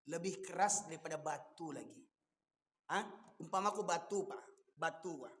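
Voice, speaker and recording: A man with a Minangkabau accent preaching a sermon, fiery and emphatic, often surging to loud peaks. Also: a little high, normal speed. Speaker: Islamic preacher. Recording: long echoey hall reverb.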